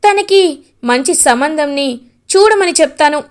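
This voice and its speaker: A woman voicing an earnest young man speaking calmly and sincerely. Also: high voice, unhurried. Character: earnest young man declaring new love.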